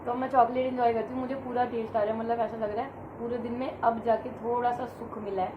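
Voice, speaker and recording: A feverish woman vlogs from home, speaking casually and directly to her viewers in a slightly high voice. The recording sounds dull and roomy, with steady noise behind her. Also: fast. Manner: chatty, addresses viewers directly. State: sick with fever. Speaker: vlogger. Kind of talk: casual vlog chat to camera. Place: at home, indoors. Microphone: camera set in front of her. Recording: echoey room, dull and noisy.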